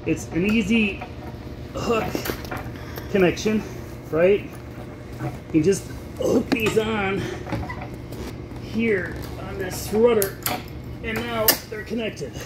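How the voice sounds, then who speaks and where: An older man talks through a hands-on job in an easygoing, step-by-step way, his voice sitting a little high. He was recorded on a camera mic inside a big storage shed, and at times he moves away from it. A steady hum of air conditioning runs clearly underneath. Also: takes it slowly, pauses often. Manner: relaxed, explains step by step while working. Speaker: sailing vlogger. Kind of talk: hands-on how-to demonstration. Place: large boat storage shed, indoors.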